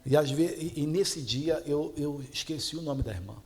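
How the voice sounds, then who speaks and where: Man, Brazilian Portuguese accent, pastor, sermon, chatty storyteller, laughs easily, slightly high pitch. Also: moderate pace, darkish tone. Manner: chatty, laughs at his own stories.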